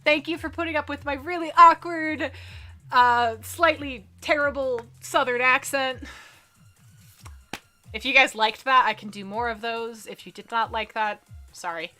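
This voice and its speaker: A chatty woman hosts a live stream and talks through viewer comments in a loose, filler-heavy way. Her voice sits a little high and sounds bright and forceful. Faint music plays behind her. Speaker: livestream entertainment news host. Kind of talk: casual live-stream chat.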